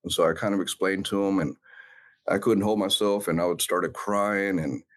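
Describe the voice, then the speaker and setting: A middle-aged man, an interview guest, telling a personal story in an earnest, reflective way with frequent pauses and restarts. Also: low voice, steady tone. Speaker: interview guest, founder of a law enforcement brand.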